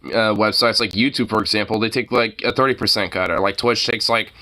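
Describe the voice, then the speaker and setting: Rambling low-voiced man with a bright edge. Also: fairly even intonation. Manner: rambling, halting, heavy casual swearing. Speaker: streamer. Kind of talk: casual off-the-cuff commentary.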